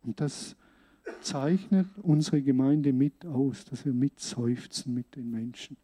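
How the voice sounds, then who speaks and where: Dark-voiced man preaching. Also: mid-range voice. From Switzerland. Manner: earnest, conversational preaching with emphatic pauses. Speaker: pastor. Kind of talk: sermon.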